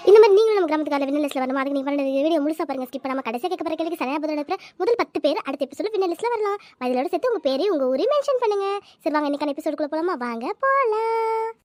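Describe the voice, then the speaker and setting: A woman's voice: high voice, lively intonation, racing, mellow, dry recording. A woman hosting a cartoon channel, cheerfully announcing winners to viewers. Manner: upbeat, direct to viewers. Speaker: host.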